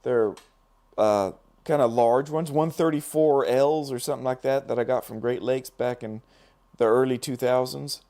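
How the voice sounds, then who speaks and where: A middle-aged dental lab technician hosts a casual live stream, talking to viewers while he works in a medium-pitched, warm voice at normal speed. He's hoarse and losing his voice, and his rambling is full of fillers and restarts.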